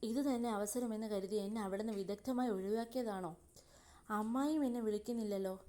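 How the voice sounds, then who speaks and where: An insecure young woman pleads in a plaintive, self-doubting voice, read by a woman storyteller. The tone is mellow and dark. It sounds like a spoken storybook. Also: medium pitch, brisk, close to an everyday voice. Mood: hurt.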